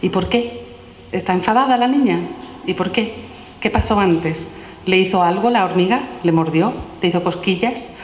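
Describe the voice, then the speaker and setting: A woman reads a stream of gentle questions from a children's philosophy book aloud to an audience. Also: fairly low pitch, moderate pace, slight background noise. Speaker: author presenting her book. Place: large echoey room at a public talk. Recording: roomy hall with long reverb.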